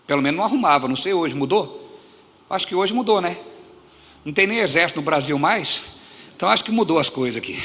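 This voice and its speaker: Forceful Brazilian preacher in an echoey hall. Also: male voice, on the high side, quick pace, pauses often. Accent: Brazilian Portuguese. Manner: animated preaching that throws questions at the congregation. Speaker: pastor. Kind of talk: sermon. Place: church hall.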